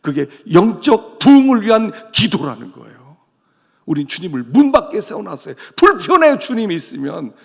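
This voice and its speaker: Man preaching, fairly high voice, gravelly, whispers then cries out, church reverb. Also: very animated, normal speed. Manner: swings from hushed whispers to loud pleading cries. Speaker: pastor. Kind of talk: sermon. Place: church sanctuary. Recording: long hall reverb.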